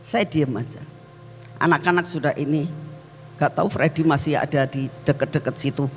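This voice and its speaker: A woman evangelist preaching a sermon, telling personal stories with an animated storyteller's manner. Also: deep voice, normal speed, long reverb tail, faint music behind. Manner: animated storyteller, addresses the congregation as brothers and sisters.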